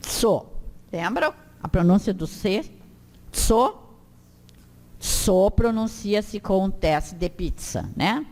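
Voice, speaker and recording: A woman teacher leads a pronunciation drill at a very unhurried pace, stretching out each word for the class to repeat. Her voice sits at an ordinary mid pitch, and a long reverb trails after her in the hall. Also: dark tone. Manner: slow, drawn-out drilling of words for learners to repeat. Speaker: Esperanto teacher.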